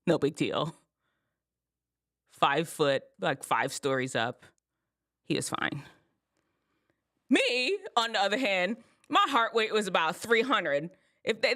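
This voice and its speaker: Woman host, casual storyteller with a lively, up-and-down voice, gives teens advice. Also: mid-range voice. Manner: animated, expressive storytelling.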